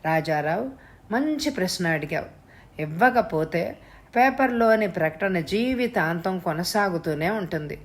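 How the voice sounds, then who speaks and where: Woman voicing a hoarse, scornful male kidnapper. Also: fairly low pitch, lively intonation. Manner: cool, scornful, unhurried.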